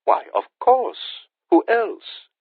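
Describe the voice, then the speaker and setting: A man voicing a suave, menacing male Haitian sorcerer villain with a Caribbean-tinged British accent, speaking smoothly and mockingly over a phone line. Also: extremely high pitch, huge pitch swings, very slow, no room sound, voice pushed up, full character voice. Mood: smug menace. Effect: phone line filter.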